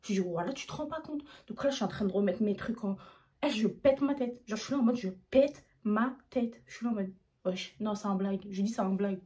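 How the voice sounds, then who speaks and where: A young French YouTuber races through a personal story in a fast, casual vlog style, her voice at a middle pitch. She uses slang and animatedly acts out other people's lines as she retells it.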